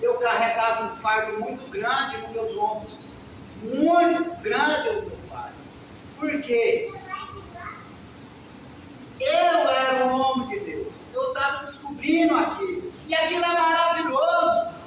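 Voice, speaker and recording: High, bright-voiced preacher in an echoey hall. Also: male voice, fairly even intonation, a little slow, distant mic, noisy background. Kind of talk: testimony sermon.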